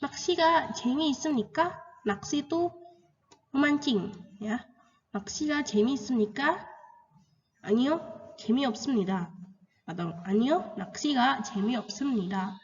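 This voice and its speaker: A woman teaches Korean grammar, working through example sentences and repeating the example words slowly and drawn-out, her pitch rising on questions. Her tone is darkish, and the lo-fi recording sounds dull, muffled, and roomy with long reverb.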